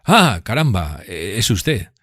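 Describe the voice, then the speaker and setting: Man doing a proud young hero, terse and curt, lively low voice, dry sound. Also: slow, breathy edge, dry recording, full character voice. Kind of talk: audiobook dialogue.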